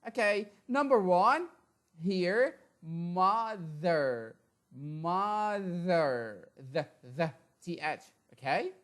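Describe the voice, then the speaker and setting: Woman teaching english sounds, super slow, says every word over and over, voice jumps up and down. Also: on the low side, animated. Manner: repeats each word slowly, several times over. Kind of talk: phonics lesson with drills.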